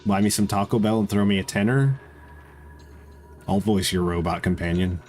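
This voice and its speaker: Congested male streamer, low voice, swears and jokes through casual play-by-play. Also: normal speed, darkish tone, soft background music. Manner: profane, joking banter. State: congested nose. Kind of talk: casual gameplay commentary.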